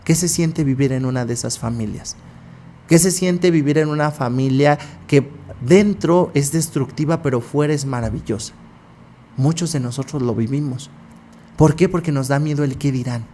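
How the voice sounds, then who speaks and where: Emphatic male podcast host, fairly high voice, poses rhetorical questions. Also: normal speed, dark tone, a little hiss or hum. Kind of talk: passionate podcast talk.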